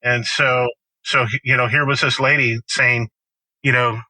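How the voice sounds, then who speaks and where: A middle-aged farmer, a guest in an interview, telling stories emphatically and acting out quotes. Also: male voice, mid-range voice, a little slow, dry recording, low-quality recording. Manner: storytelling, emphatic, animated quoting. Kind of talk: conversational interview.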